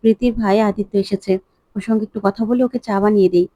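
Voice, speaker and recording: A woman voicing an affectionate middle-aged mother-in-law who coaxes gently. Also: medium pitch, fairly even intonation, fast talker, no room sound, natural voice. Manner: affectionate, coaxing.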